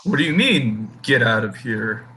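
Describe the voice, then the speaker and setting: A man's voice: medium pitch, sing-song, normal speed, bright, forceful tone, slight background noise. A man voicing a haughty, grumpy old talking tree that speaks pompously in a tabletop game. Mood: musing.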